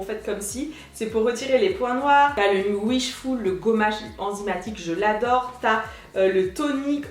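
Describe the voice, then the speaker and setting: Woman beauty vlogger, chatty and upbeat, slightly high voice. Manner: bubbly, chatty, talks straight to viewers. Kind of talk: casual unboxing vlog. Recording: echoey room with faint music.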